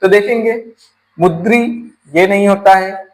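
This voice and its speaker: High-pitched guy explaining exam grammar step by step, keeps asking the class questions. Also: a little slow, a little hiss or hum, poor audio. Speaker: teacher. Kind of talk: exam-prep Hindi grammar lesson.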